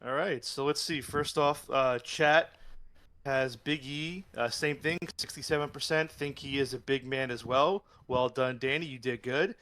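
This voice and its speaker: A man co-hosting a live stream in relaxed, casual chat. He runs through a list, reads out viewer poll numbers and drops playful jokes along the way. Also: medium pitch, a little slow. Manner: jokey, moderates the list and reads chat poll results aloud. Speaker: podcast co-host.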